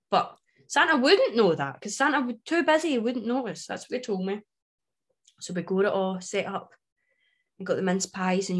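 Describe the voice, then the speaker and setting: A woman with a broad Scottish accent, telling personal stories in a casual, candid chat as a co-host. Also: mid-range voice. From Scotland. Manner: broad Scots speech, informal and candid. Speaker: book club podcast co-host.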